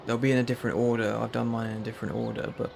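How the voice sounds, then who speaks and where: Gravelly London man, flat voice. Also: medium pitch, very fast, noisy background. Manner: reading out a list of mods, laid-back. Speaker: streamer. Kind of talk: casual gaming chat.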